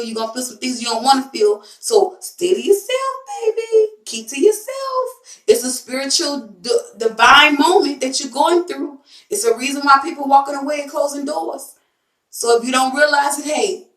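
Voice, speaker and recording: A woman's voice: sits high, fairly bright tone, echoey room, recorded from a distance, low-quality recording. A woman hosting a spiritual tarot channel, talking casually and emphatically to her viewers, repeating phrases and using everyday slang.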